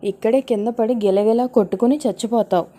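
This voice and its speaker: A woman's voice: on the high side, steady tone, fairly quick, mellow, natural voice. A woman voicing a bold, scheming young woman who talks in a pushy, commanding way. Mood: threatening.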